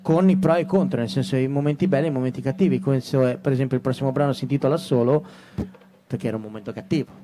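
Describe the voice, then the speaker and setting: A man's voice: mid-range voice, very fast, dark tone. A man, a singer-songwriter being interviewed, speaking reflectively and searching for words. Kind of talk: interview conversation.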